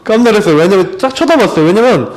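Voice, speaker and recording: A man's voice: sits high, lively intonation, rapid-fire. A middle-aged male pastor preaching a sermon in a conversational way, telling family stories and asking rhetorical questions.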